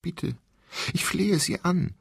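Brief: frightened young captive woman, pleading and stammering, pushed high and loud, done by a male reader. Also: lively intonation, slow, gravelly, breathy edge, no room sound, studio quality, exaggerated voice. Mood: pleading, terrified.

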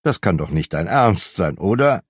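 A man voicing a cheerful, warm-hearted young man speaking with bright, friendly pleading. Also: deep voice, sing-song, moderate pace, husky, dry recording, clean studio sound, heavily acted.

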